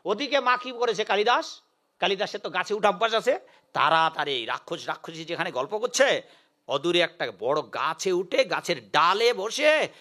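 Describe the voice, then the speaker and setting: A male preacher delivers a devotional sermon. His voice sits high and rings brightly as he tells a folk tale with lively, animated delivery. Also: normal speed. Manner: animated, acts out story voices.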